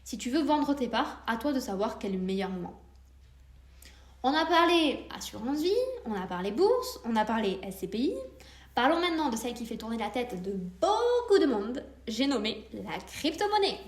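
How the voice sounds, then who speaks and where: A woman's voice: a little high, very animated, moderate pace, roomy sound. A woman hosting a solo podcast, explaining investments step by step and speaking directly to the listener in a friendly way. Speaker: podcast host.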